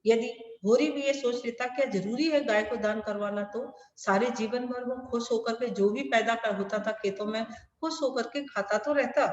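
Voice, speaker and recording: A woman's voice: a little high, dull audio. A woman teacher explaining a Hindi lesson over a video call, asking rhetorical questions and restating each point. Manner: rhetorical, repeats and rephrases lines while explaining. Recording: echoey room with long reverb.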